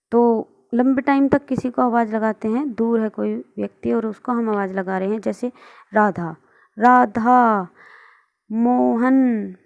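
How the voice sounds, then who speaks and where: Patient woman teaching grammar, gravelly voice. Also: fairly high pitch, darkish tone, lo-fi sound. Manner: patient, asks and answers own questions. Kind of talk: online lesson explaining on screen.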